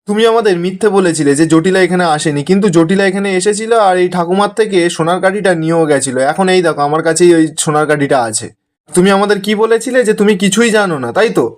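A man's voice: high voice, fast, natural voice. Man reading young princess, earnest, plain delivery. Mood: angry. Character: young princess heroine, determined.

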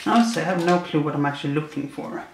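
Quick-paced and on the high side, this man's voice carries vocal fry as he unboxes cards casually and puns wryly on each. He's in an empty new apartment whose bare walls create echo, with a little faint noise.

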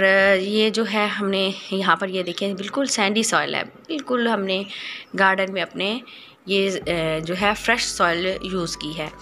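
Bright-voiced woman explaining gardening steps. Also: mid-range voice. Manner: calm, explanatory step-by-step instruction with hesitant pauses. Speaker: gardening channel host. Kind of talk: voice-over narration of a garden makeover.

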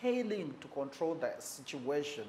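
A man giving unscripted commentary on politics, measured and pausing often, leaning hard on key words. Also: on the high side, very animated, darkish tone, slight background noise. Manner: stresses key words for emphasis.

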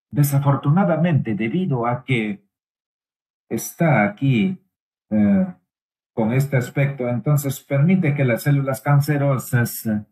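A man giving a simultaneous interpretation of a medical lecture, halting at times with pauses, fillers and restarts. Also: medium pitch, a little mellow, low-quality recording.

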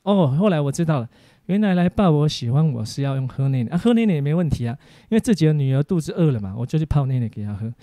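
A man, a preacher giving a teaching sermon for an online course, full of animated stories about his family. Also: on the high side, fast, dry recording.

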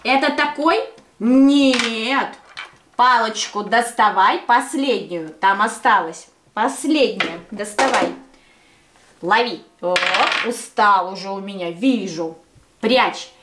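A young woman speech therapist leading a playful exercise with a small child, over-enunciating in sing-song, drawn-out, repeated short phrases. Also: mid-range voice. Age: young adult. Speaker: speech therapist teaching a toddler. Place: small furnished children's room, indoors. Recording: roomy echo, clear background noise and clicks.

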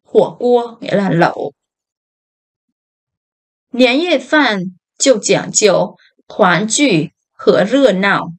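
A woman teaching a language lesson, reading each phrase slowly and then explaining it. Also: medium pitch, expressive, husky. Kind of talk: slow line-by-line language lesson.

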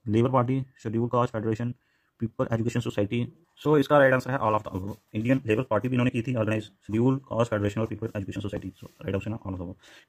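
A man talks quickly through quiz answers over a notebook filmed by a phone camera. His pitch sits in the middle range. He mixes Hindi and English, stops often to restart, and repeats names as he goes. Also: darkish tone. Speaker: exam-prep teacher. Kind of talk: explaining quiz answers over handwritten notes. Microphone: phone camera over notebook, speaker off screen.

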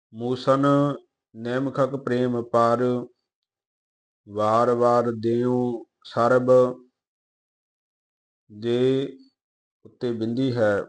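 A man reciting scripture slowly in a measured chant, with quick, quieter spoken notes on pronunciation. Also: medium pitch.

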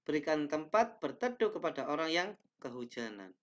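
A young man teaches a class in a small indoor room, reading slides aloud with careful pacing and small self-corrections. His voice is fairly high, very animated, and at normal speed. The webcam audio is dull and lo-fi.

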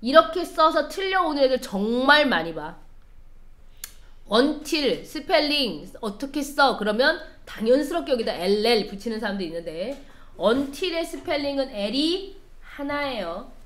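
A woman's voice: high-pitched, big pitch swings, unhurried, fairly bright tone. A woman teaching an English lesson, explaining line by line and quizzing her students as she goes. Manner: explains step by step, quizzes the class. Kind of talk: classroom lecture.

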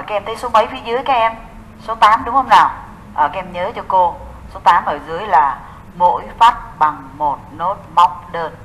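A woman's voice: on the low side, fairly bright tone, a little hiss or hum, low-quality recording. A woman teaching a recorded music theory lesson, explaining step by step and answering her own questions to the class.

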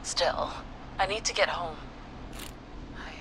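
An actress playing a frightened, determined young American woman in a video game, urgent and breathy as she leads an escape. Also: lowish voice, slow pace, slight background noise, poor audio. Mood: shaken, relieved. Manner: breathy urgent delivery, swinging from hush to shout. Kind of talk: dramatic video game acting.

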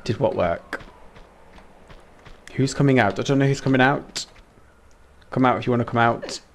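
A man with a Mancunian accent, streaming a game and chatting to his viewers, excitable and dramatic, jumping from squeals to mutters. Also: mid-range voice, normal speed. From Manchester, England. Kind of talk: casual game streaming chat.

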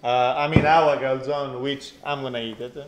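A man's voice: mid-range voice, steady tone. Italian man hosting, echoey noisy kitchen. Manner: halting, repeats phrases. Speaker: cooking class host. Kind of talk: casual live cooking commentary. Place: indoor professional kitchen. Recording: echoey kitchen with clear background noise.

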